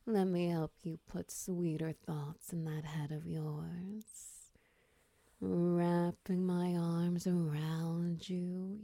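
A woman playing a tender, protective partner in an ASMR role-play, speaking softly and soothingly right into the listener's ear. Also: on the low side, dry recording. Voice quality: soft, breathy soft voice. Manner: intimate, close-up delivery right in the listener's ear; slow, soothing, reassuring. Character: tender, protective female partner soothing a nightmare-shaken lover. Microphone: very close, dry microphone.

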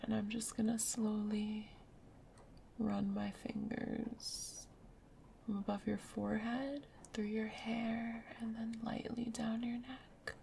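A woman whispering softly in a gentle, soothing ASMR roleplay as a caring girlfriend. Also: a little high, level tone, slow, creaky, slight background noise. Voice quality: soft whispery. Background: rain sounds.

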